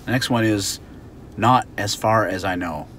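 A man's voice: lowish voice, a little slow, a bit bright, slight background noise. A man giving a casual English lesson, chatty, acting out little example scenes. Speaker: English teacher. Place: outdoors near a car.

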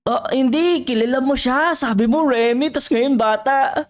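A woman hosting a Minecraft role-play channel, excitable and talking straight to her viewers. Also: sits high, unhurried. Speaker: gaming YouTuber, host.

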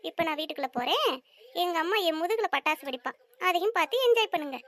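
A woman voicing a cheeky, shrill little cartoon girl. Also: expressive, quick pace, a bit bright. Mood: chatty. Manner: teasing, scolding, chatty asides to viewers. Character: cheeky young girl, bold and sharp-tongued. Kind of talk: cartoon voice acting.

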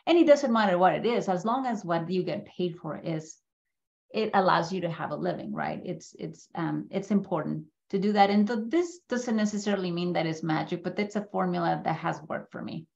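Her voice is fairly low, creaky and slightly mellow, she talks fairly fast, and the high frequencies are cut off. She is a middle-aged woman from Mexico City, a guest speaker at a business school, presenting slides about her own life informally over a video call from an indoor room and checking in with listeners often.

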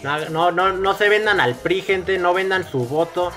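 A man's voice: high-pitched, a little slow, sharp tone, soft background music. A young man from northern Mexico with a northern Mexican accent, doing crude, joking gameplay commentary on a headset at home. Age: young adult. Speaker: gaming YouTuber. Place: home room at night.

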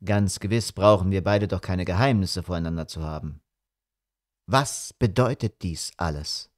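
A man's voice: low voice, normal speed, voice pushed down, close to an everyday voice. Man doing an earnest shaken companion.

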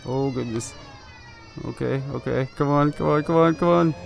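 A man's voice: medium pitch, normal speed, gravelly, a little hiss or hum. A man giving live commentary while playing a driving game, nervous and pleading as he keeps urging the car on. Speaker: gaming video creator.

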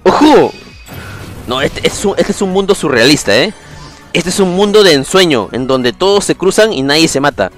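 A man streaming a video game, chatting casually with his viewers and breaking into excited exclamations. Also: fairly high pitch, brisk, soft background music. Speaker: gaming streamer. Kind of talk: casual livestream commentary.

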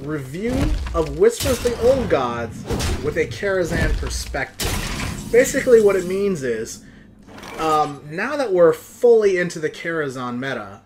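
A man's voice: a little high, big pitch swings, measured pace, a little hiss or hum. A young man giving casual, slangy live game commentary to viewers, moving between exclaiming and muttering. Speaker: video game streamer. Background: game music.

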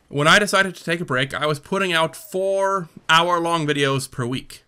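A man who runs a gaming channel, speaking in a candid personal monologue, earnest and reflective with halting restarts. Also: a little high, sharp tone, smooth. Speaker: gaming YouTuber.

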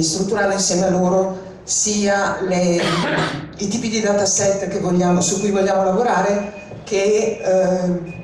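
A woman's voice: mid-range voice, mellow, a little hiss or hum. A woman introducing herself at a community event, chatty, with hesitant fillers, speaking into a handheld mic in a large hall. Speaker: audience member introducing herself. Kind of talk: spontaneous self-introduction. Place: large open hall with glass walls. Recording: very echoey hall, mic far off.

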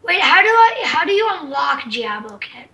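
High, bright, excitable girl far from the mic. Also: normal speed. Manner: excitable, stammering, repeats words. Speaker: gamer uploading a multiplayer session. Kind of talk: casual gameplay chat.

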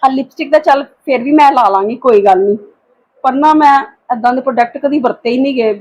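A woman acting a gentle elder sister-in-law in a home drama skit, soft-spoken and hesitant, often trailing off. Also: high-pitched, a little fast. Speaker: actor in a family skit.

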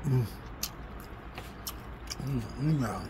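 A man's voice: medium pitch, extremely slow, noisy background. A man hosting a casual eating show, talking with his mouth full and chewing, humming appreciatively between bites. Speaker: mukbang eating-show host.

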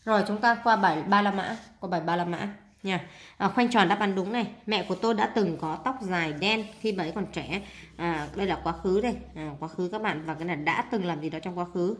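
A woman teacher with a Vietnamese accent talks her students through an English exam step by step in a fairly low voice, speaking briskly in an echoey room. Her casual walkthrough is steady, full of fillers like "à" and frequent repetition.

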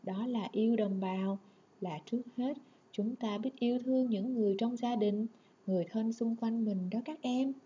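Mellow-voiced woman teaching children. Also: a little high, normal speed, muffled recording. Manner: warm, clear and instructive, addressing children. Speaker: primary school teacher. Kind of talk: online lesson narration.

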